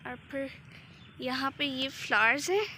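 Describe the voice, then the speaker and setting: High-voiced hoarse woman vlogging outdoors. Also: animated, measured pace, sharp tone. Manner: chatty, mixes in English words, a little shy. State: hoarse throat. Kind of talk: casual walking park vlog. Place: outdoor city park. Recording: noisy outdoor phone recording. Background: open-air park ambience.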